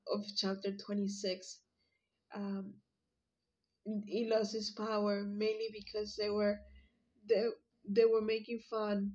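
A woman giving an informal Bible study talk, reading verses aloud and explaining them, often pausing and correcting herself. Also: medium pitch, lo-fi sound. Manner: hesitant, searching for words, self-correcting. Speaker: Bible teacher.

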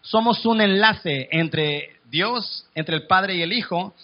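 A man's voice: high-pitched, takes it slowly, muffled recording. A male pastor with a Mexican accent, preaching a sermon in a church in a chatty style that keeps checking in with the congregation. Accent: Mexican Spanish. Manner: conversational preaching, asks "¿me explico?".

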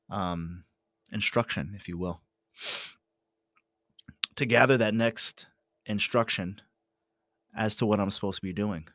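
A man recording in a small closet studio, speaking an unscripted, meditative motivational monologue in a reflective, halting way, repeating phrases for emphasis. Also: lowish voice, dry recording. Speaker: host of a self-help podcast.

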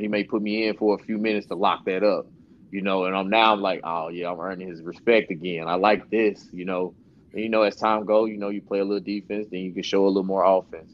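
Low-voiced man telling a story, lo-fi. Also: no room sound. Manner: laid-back, slangy, laughs while telling stories. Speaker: basketball skills trainer, guest. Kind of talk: casual storytelling interview. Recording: dull lo-fi sound.

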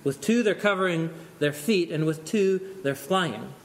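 A man teaching an informal lecture on scripture, animated and often chuckling, thinking aloud with restarts. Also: a little high, unhurried, slight background noise. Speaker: Bible teacher.

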